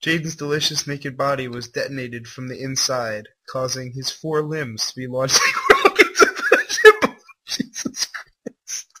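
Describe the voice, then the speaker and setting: A livestream host with a bright, forceful, slightly husky voice dramatically reads a fan story aloud, mocking it openly like an amateur performer and commentator. His mid-range pitch swoops wildly at a measured pace, he throws in incredulous asides and bursts out laughing, and the recording is low quality.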